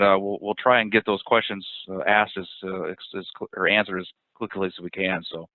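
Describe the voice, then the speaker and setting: A man runs a sales training webinar in a casual, rambling way, with frequent fillers and restarts. His voice sits at an ordinary pitch. The audio is dry and thin, like a phone call. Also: no room sound. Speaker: webinar presenter.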